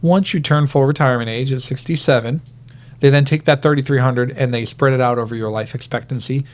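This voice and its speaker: A man co-hosting a retirement planning show, explaining rules step by step with worked examples in a steady, methodical way. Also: mid-range voice, brisk. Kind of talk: explanatory podcast talk.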